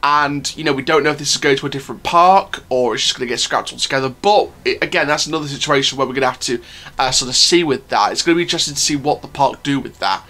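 A man hosts a theme park news channel, offering casual news commentary in a chatty, enthusiastic fan style to his viewers. His voice is medium-pitched and sharp, and he talks at a quick pace.

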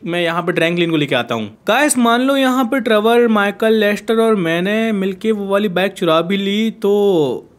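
A man's voice: high voice, lively intonation, moderate pace, few pauses. A young man narrating a game video casually, chatty and talking straight to the viewers. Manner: chatty, addressing viewers as guys.

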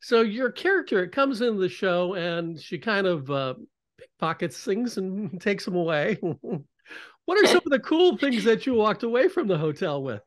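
An older male host chats over a video call, asking loose, friendly questions with plenty of fillers. His voice sits a little high. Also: big pitch swings, a little slow. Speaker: interview host. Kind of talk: casual video-call interview.

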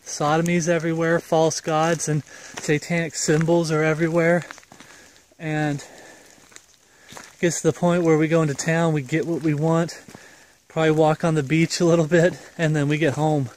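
Fairly high-pitched and a little mellow, a middle-aged man's voice moves at a moderate pace with little pitch movement as he delivers a rambling outdoor sermon. He walks a foggy woodland trail, earnestly exhorting with fillers, recorded on a phone held at arm's length amid slight background noise.

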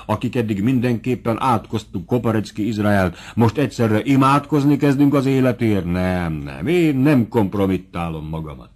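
A man's voice: lowish voice, lively intonation, few pauses, a little mellow. A man reading an audiobook, voicing a proud, indignant older noblewoman, a captain's widow. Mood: fretful. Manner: indignant, fussy.

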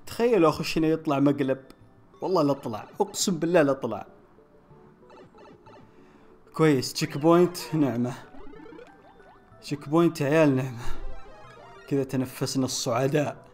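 A young man, playing a platform game on his channel and commenting casually, groaning and shouting as he plays. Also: fairly high pitch, brisk, long pauses, soft background music. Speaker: gaming YouTuber.

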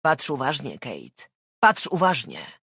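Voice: medium pitch, very animated, moderate pace, a bit bright, breathy edge, dry recording, studio quality, exaggerated voice. A narrator reading an audiobook and voicing a cold, threatening father with a hard-edged delivery. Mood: menacing. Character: cold, menacing abusive father.

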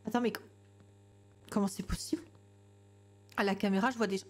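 A woman's voice: medium pitch, fairly even intonation, a little fast. A woman streamer giving jumpy, chatty commentary on a horror game, talking to herself and greeting customers politely. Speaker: gamer streamer.

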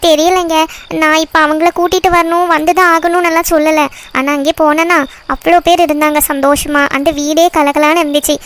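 A woman voicing a young wife in a cartoon who pleads softly and earnestly with her husband. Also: sits high, flat delivery, brisk. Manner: soft, pleading. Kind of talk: cartoon voice acting.

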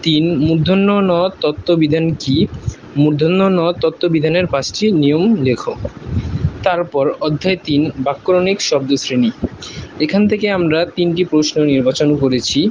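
A male teacher with a Bangladeshi Bengali accent, reading out a numbered list of exam questions in a steady, even way. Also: fairly high pitch, moderate pace, lo-fi sound, background noise.

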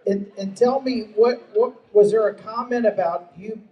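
A high-pitched man emcees a live gala with upbeat energy, tripping over a word now and then. His voice rings through an echoey ballroom and sits a bit away from the microphone. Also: normal speed, distant mic, lo-fi sound. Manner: upbeat, stumbling over words. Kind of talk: live event hosting. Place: ballroom at a charity dance gala. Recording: echoey hall, mic from afar.

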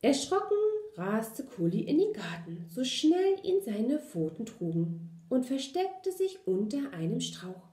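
A woman with a German accent, a kindergarten teacher reading a storybook aloud to children and asking them gentle questions. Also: on the high side, very animated, measured pace. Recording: roomy echo.

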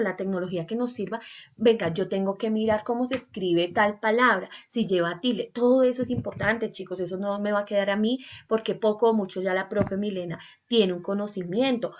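A woman teacher leads a class in a lively, animated way, acting out everyday phrases and asking the students to confirm they follow. Her voice sits mid-range, and the recording sounds dull and lo-fi. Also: medium pitch. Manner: lively, acts out examples, asks "¿sí?" and "¿cierto?" often. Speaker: Spanish teacher. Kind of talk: online class lecture.

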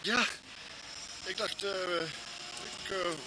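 An actor playing a talkative police colleague in an old radio drama. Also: male voice, sits high, steady tone, slow pace, noisy background. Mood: hesitant. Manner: hesitant, full of "eh"s. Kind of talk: 1970s Dutch radio drama acting.

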